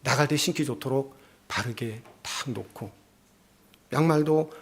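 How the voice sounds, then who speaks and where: A man's voice: medium pitch, measured pace, creaky, breathy edge. A middle-aged male pastor preaching a sermon, telling a family story and acting out the quotes. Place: church sanctuary.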